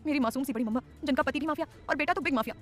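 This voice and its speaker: A woman voicing a lazy, dramatic young man who talks in a whiny, excitable way. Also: high-pitched, racing, soft background music, close to an everyday voice.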